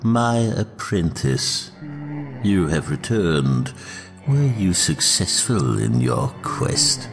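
A man voicing a menacing old dark lord, a sinister master instructing his apprentice in a slow, ominous, gravelly delivery for a comic dub. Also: deep voice, very animated, heavily acted. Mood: probing, expectant. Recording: music under the voice.

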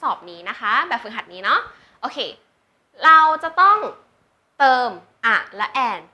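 Woman tutor, high bright voice, slow and patient, drills example words. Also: sing-song. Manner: patient, checks understanding with questions; drawn-out English words for learners to repeat. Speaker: English tutor. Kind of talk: slow teaching with example sentences.

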